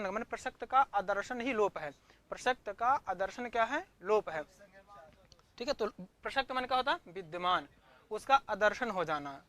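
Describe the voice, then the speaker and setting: A man's voice: high-pitched, a bit bright. A man giving an online Sanskrit grammar class, asking questions and answering them himself, repeating each term. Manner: searches the screen for notes aloud mid-lesson.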